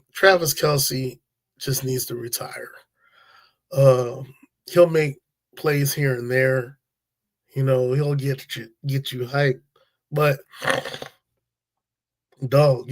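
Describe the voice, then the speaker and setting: A man hosting a casual sports talk stream, blunt and opinionated, using slang and talking straight to his viewers. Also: medium pitch. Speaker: sports talk show host. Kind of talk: casual sports commentary livestream.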